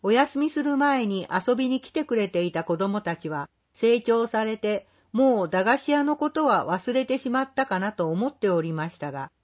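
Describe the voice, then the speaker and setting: A woman reading a scripted community announcement in a polite, measured, formal way. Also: a little high, muffled recording. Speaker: care facility staff announcer.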